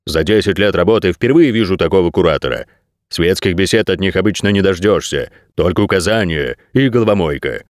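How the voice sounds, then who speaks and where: Brief: male reader voicing a stern talking dog, low and terse. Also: animated, brisk, no room sound. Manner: clipped, low and dry.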